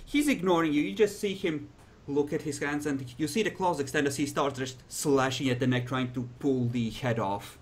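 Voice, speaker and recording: A man's voice: on the high side, normal speed. A man narrating a tabletop roleplaying game as game master, addressing players and describing scenes.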